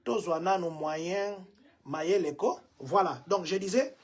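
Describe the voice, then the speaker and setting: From Chicago, a man originally from Congo lectures his diaspora community in a vlog, his Congolese French accent clear as he repeats points and poses rhetorical questions. His voice sits high, and he takes his time.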